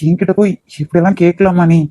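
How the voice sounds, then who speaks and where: A man voicing a protective young husband in an animated cartoon, firm yet soothing. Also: high voice, fast talker, dry recording, close to an everyday voice, rough recording. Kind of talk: cartoon voice acting.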